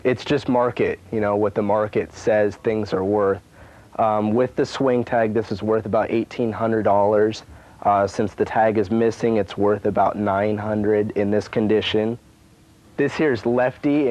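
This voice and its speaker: A man's voice: fairly low pitch, steady tone, unhurried, a little mellow, muffled recording. A man explaining collectible prices to camera in an easygoing way with frequent ums, heard through a worn VHS tape copy. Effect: worn VHS tape sound. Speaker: collectibles dealer.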